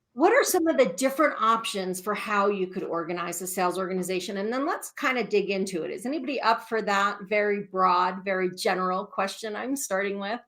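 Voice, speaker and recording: A woman's voice: mid-range voice, sharp tone. A woman hosting a sales podcast panel, upbeat and inviting as she leads the discussion. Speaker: podcast host. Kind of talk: podcast intro and panel moderation.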